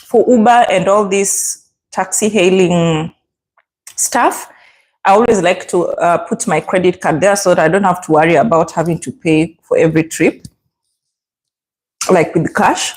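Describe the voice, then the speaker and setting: Woman, Kenyan accent, slightly low pitch, casual vlog chat, conversational travel advice. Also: unhurried, a little mellow. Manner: conversational, checks in with "yeah?" and "okay?". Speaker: travel vlogger.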